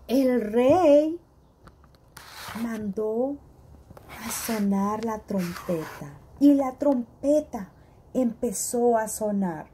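A woman teacher tells a Bible story to young children in a high, bright voice. She speaks slowly and expressively, pausing to ask the kids questions. Her delivery is lively and gentle. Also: slight background noise. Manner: slow, animated, asks children questions.

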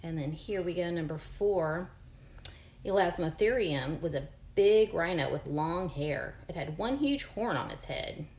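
Reading a picture book aloud, a woman in her forties uses a lowish, slightly mellow voice, animated yet a little slow. As a teacher she keeps the young children encouraged, drifts into chatty asides and asks them questions though they're off-mic. Expect a roomy echo and some faint background noise.

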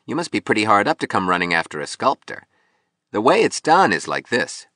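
A man's voice: low voice, very animated, brisk, sharp tone, no echo, clean studio sound, exaggerated voice. A man voicing a bitter, drunk young male sculptor in an audiobook, with a hard, impatient, belligerent voice. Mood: swaggering, bitter. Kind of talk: audiobook reading.

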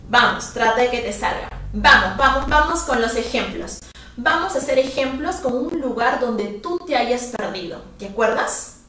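A woman's voice: fairly high pitch, moderate pace, a little hiss or hum. Chatty encouraging woman teacher, echoey room. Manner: lively and encouraging, chatty asides with laughter. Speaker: English teacher. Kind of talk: live-streamed language lesson. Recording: echoey room, voice far from the mic.

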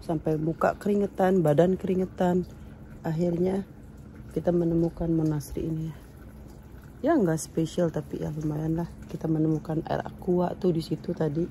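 A woman's voice: low voice, fairly even intonation, moderate pace, dark tone, a little hiss or hum. A woman in her thirties hiking and talking to her phone camera, chatting casually and switching between two languages, a bit out of breath from the climb. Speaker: travel vlogger. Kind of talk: casual vlog chat. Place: outdoors on a mountain trail. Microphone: phone camera at arm's length. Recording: phone video outdoors with music underneath. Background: background music.

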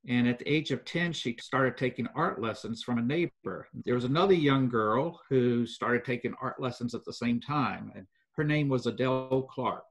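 Older man, measured storytelling, lots of uh and um. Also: mid-range voice. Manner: measured storytelling with frequent fillers. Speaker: foundation president, guest. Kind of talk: conversational history interview.

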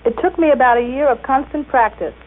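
A woman explains formally in a fairly high voice, enunciating precisely. She sounds as if on a tinny 1930s radio broadcast. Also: brisk. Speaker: machine operator being interviewed. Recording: tinny, band-limited 1930s radio recording.

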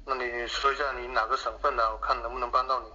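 A man talking over the phone in a brusque, impatient way, like a broker pitching a service. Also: flat delivery, fast, over a noisy crowd. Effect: heard over the phone. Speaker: college admissions broker taking a phone call. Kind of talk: phone conversation, giving a sales pitch. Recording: muffled noisy phone line.

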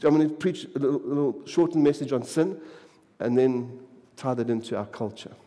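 Mellow-voiced male pastor from South Africa, emphatic and repetitive, sermon in a reverberant church. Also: mid-range voice, fairly quick. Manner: repetitive, emphatic, drops to a hush on key phrases. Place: church sanctuary.

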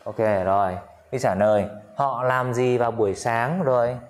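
A man teaching an English lesson in Vietnamese, drilling English phrases slowly and often checking that his students follow. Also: medium pitch. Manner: drills English words slowly, repeats himself, coaxing checks. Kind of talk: classroom-style video lesson.

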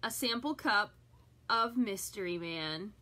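A middle-aged woman vlogger unboxes and reviews a subscription box in a live chat with her viewers, reacting aloud with enthusiasm. Her medium-pitched voice is animated, bright, and forceful, and she speaks at a slow pace.

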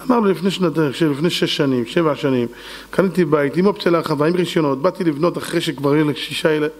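A rabbi giving a sermon, telling stories and acting out the dialogue dramatically while addressing the congregation. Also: male voice, on the high side. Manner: acts out dialogue in a lively, dramatic voice; addresses the audience directly. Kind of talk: storytelling sermon.

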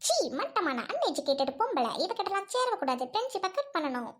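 A woman's voice: very high-pitched, big pitch swings, brisk, slight background noise. A woman voicing a greedy, gluttonous, rude woman guest in a Tamil cartoon, speaking with a Trichy accent. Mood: bossy. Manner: squealing, gobbling, demanding. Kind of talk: cartoon voice acting.

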